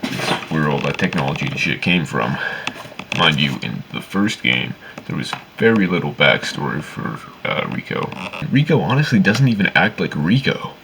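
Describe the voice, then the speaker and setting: A man's voice: a bass voice, sing-song, moderate pace, creaky, fairly bright tone, a little hiss or hum. A man giving casual, opinionated game commentary in a rambling, sweary, complaining way. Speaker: video game reviewer.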